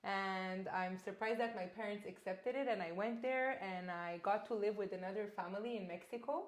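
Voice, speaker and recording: A woman's voice: mid-range voice, normal speed. A young woman from Canada, a guest in an interview, talking in an earnest, reflective way about her travels. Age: young adult. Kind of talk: casual interview conversation. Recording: roomy echo.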